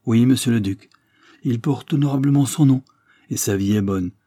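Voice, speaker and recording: Guy doing a bitter proud noble lady, reproachful, dark husky voice. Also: on the low side, steady tone, moderate pace, no echo, clean studio sound. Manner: impassioned, reproachful, dignified. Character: wounded noble mother, firm and bitter.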